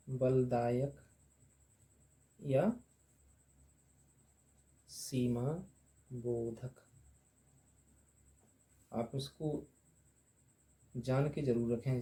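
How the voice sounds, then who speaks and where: Slow, mellow-voiced man teaching. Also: mid-range voice. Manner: slow, repeats terms while writing on a board; asks and answers his own questions. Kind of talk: Hindi grammar lesson.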